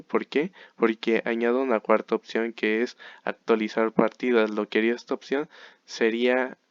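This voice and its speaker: A man's voice: on the low side, clear, resonant tone, no echo, muffled recording. A young man, an engineering student, explaining his school programming project step by step, sometimes catching and correcting himself. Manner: methodical step-by-step walkthrough with self-corrections.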